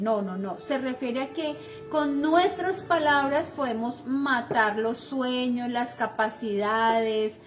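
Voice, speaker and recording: A middle-aged woman with a Colombian accent giving conversational devotional teaching, earnest and acting out everyday remarks, with many fillers. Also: sits high.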